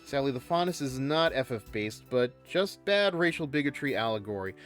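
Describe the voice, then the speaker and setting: A man streaming a game talks in a casual, rambling way. His pitch moves around a lot as he hesitates and thinks aloud, with music faintly behind him. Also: animated, normal speed, a bit bright. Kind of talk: casual live commentary and chat.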